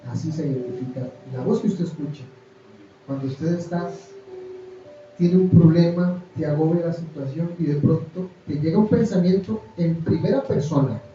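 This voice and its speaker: A pastor preaching a sermon, firing rhetorical questions and reading scripture aloud. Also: male voice, fairly high pitch, normal speed, dark tone, soft background music. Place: church hall. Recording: distant echoey church recording, dull.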